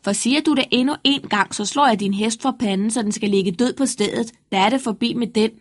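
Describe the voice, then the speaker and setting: A woman's voice: a little high, dry recording, clean studio sound, lightly acted. A woman voicing a bossy, threatening rich male farmer in a storybook reading, scolding sternly.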